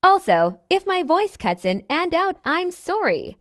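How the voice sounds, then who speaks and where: A woman's voice: very high-pitched, very animated, unhurried, no echo, studio quality. A woman creator recording a short apologetic intro, sweet in manner and out of breath. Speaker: nail content creator.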